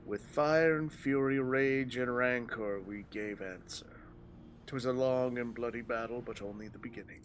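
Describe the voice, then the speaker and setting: At a moderate pace and in a natural, medium-pitched voice, a man plays a tired, ancient male dragon for a game. His delivery is solemn and archaic, with occasional stumbles from reading on the fly, over a little hiss or hum.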